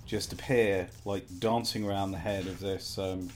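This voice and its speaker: A man with a lowish voice plays in a tabletop game, hesitant and good-humoured. Faint background noise runs under his talk. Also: fairly even intonation, moderate pace. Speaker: player. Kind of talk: casual tabletop play.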